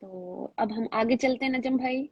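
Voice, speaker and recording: A woman's voice: a little high, slightly rough, no echo, lo-fi sound. A woman hosting a talk, chatty and affirming, relating the topic to her own life. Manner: chatty, shares personal stories, affirming. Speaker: host. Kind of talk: casual talk show chat.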